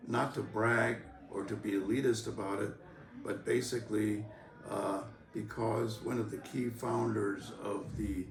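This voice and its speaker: An older man from San Francisco speaking in an interview, measured and halting with many pauses and fillers. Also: fairly low pitch. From San Francisco, USA. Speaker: interviewee, longtime organization member. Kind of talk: recorded interview. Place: convention venue, crowd behind. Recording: roomy, from a distance.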